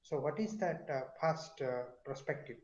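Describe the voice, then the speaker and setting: A middle-aged professor lectures his class over a video call, pausing often on fillers as he quizzes his students. His voice sits a little high. The sound is echoey and dull, as from a computer mic in a bare room. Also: a little mellow. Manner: questioning students, many fillers.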